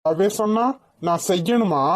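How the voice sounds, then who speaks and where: A woman's voice: on the low side, unhurried, a little mellow, a little hiss or hum, lightly acted. A woman voicing a scheming, boastful, wealthy middle-aged father in a cartoon. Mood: smug. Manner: boastful, dismissive. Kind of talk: animated cartoon voice acting.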